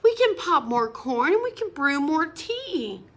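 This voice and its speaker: A woman voicing a tiny, fussy storybook mouse with a squeaky voice. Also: big pitch swings, a little slow, a bit bright, heavily acted.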